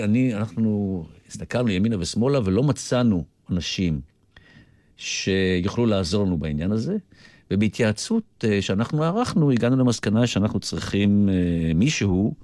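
An older man with an Israeli accent, telling his recollections deliberately, with asides, as a guest in a radio interview. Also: on the low side, a little mellow, dry recording. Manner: deliberate storyteller who digresses into asides. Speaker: interview guest, retired military intelligence officer.

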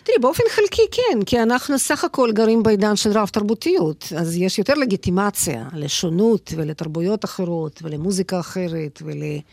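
A woman's voice: medium pitch, lively intonation, few pauses, a little mellow, dry recording. A woman professor who is a native Russian speaker, explaining her field as an interview guest in Hebrew with a Russian accent, often adding short check questions. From former Soviet Union. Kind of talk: academic interview answers.

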